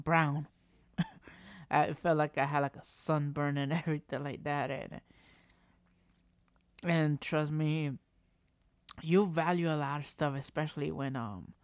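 With a slightly high, clean voice and no echo, a man in his thirties vlogs a personal story at home as construction sounds nearby. He rambles frankly, often saying "trust me" and "like," and occasionally curses mildly.

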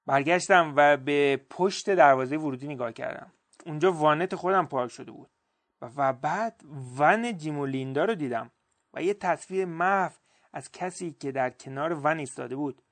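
Male audiobook storyteller, slightly high. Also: a bit bright, no room sound. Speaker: narrator. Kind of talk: first-person audiobook narration.

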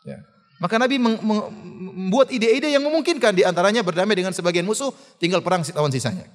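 A man giving a religious lecture, telling a story in a lively way, with fillers and laughs. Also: sits high, fast. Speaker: preacher. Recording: long hall reverb.

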